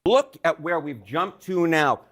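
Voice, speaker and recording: A man's voice: fairly high pitch, lively intonation, unhurried, a bit bright. A male news analyst explaining poll figures in an emphatic television style.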